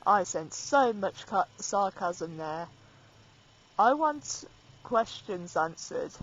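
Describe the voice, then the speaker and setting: A woman's voice: medium pitch, sing-song, takes it slowly, muffled recording. A woman casually playing through a fantasy game, reading dialogue choices aloud in a dry manner. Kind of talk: let's play commentary.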